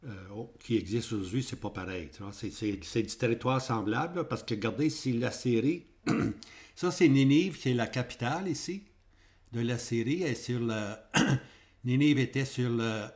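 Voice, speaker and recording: A man with a Québécois French accent gives a Bible prophecy lesson, pointing things out on maps. He repeats his key points and keeps checking in with his listeners. His voice sits at a middle pitch for a man. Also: moderate pace, darkish tone. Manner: repetitive, checks in with "hein?" and "ok?". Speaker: Bible teacher.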